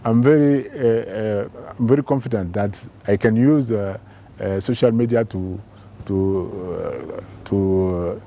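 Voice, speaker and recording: A man from Côte d'Ivoire talks about his research in a low, darker voice. He halts and repeats words as he gathers his thoughts, with many fillers. The sound is fairly clean. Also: slow, mellow.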